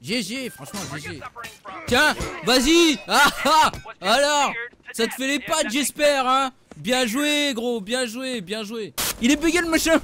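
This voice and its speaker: Brief: young male gaming streamer, very high voice, jumpy pitch, slight background hiss. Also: animated, measured pace. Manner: loud, joking, swearing often, talks to chat. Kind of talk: excited live gameplay commentary.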